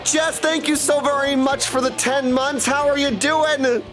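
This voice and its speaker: A man with a very high-pitched, fairly bright voice talks a little slowly with fairly even intonation. He's a voice actor and audiobook narrator hosting a video game livestream, chatting casually with viewers and hopping between replies and catchphrases. Music plays behind him.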